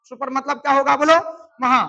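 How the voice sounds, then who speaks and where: High, bright woman drilling a class. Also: flat delivery, vocal fry, muffled recording. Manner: drills students with call-and-response questions; repeats answers slowly and loudly for emphasis. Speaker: teacher. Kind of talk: classroom science lesson.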